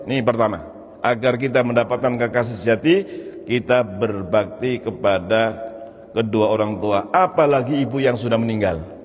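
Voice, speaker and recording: Man preaching with long mosque reverb. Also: medium pitch. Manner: vivid, acts out the voices in his stories. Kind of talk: dawn mosque sermon with storytelling. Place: large mosque.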